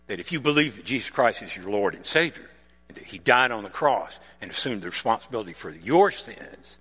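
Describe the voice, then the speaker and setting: Animated guy preaching, asks the crowd questions, bright voice, big hall echo. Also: mid-range voice, husky. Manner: explains religious terms plainly. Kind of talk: sermon.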